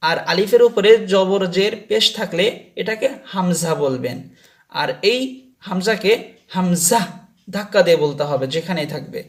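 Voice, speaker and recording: A man teaching Quran reading, spelling out each letter and vowel mark and then repeating the word slowly. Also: high voice. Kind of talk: slow spelled-out recitation lesson.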